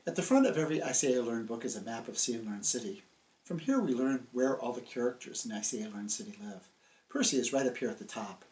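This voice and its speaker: The poor audio captures a fast-talking older American man with a medium-pitched, darkish, expressive voice. He is a children's book author giving a friendly scripted presentation, telling stories to young children in simple, emphatic phrases. The setting is a small indoor room lined with books.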